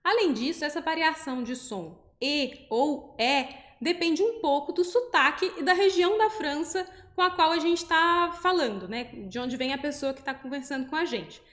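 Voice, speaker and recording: A Brazilian woman teaching French pronunciation, explaining patiently step by step and saying each example word slowly. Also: high-pitched, expressive, a bit bright, reverberant. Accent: Brazilian Portuguese. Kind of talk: pronunciation lesson.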